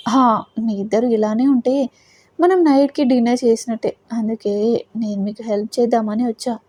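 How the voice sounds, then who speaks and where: A woman's voice: a little high, fairly even intonation, moderate pace, mellow, close to an everyday voice. A woman voicing a cheerful, playful middle-aged mother-in-law.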